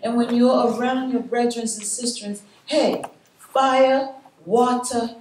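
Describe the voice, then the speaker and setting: A woman speaking to a live roundtable group, animated and preachy, laughing often and calling out to her audience. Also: a little high, slow, a little hiss or hum. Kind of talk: spirited talk to a live group. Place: meeting room with an audience. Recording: echoey room, voice from far off.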